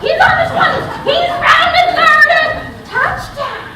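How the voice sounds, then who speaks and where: A squealing goofy uncle. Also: female voice, extremely high pitch, a little slow. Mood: excited. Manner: shouty sports-announcer yelling. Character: excitable oddball uncle, loud and goofy. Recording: echoey theatre audio from far off, noisy.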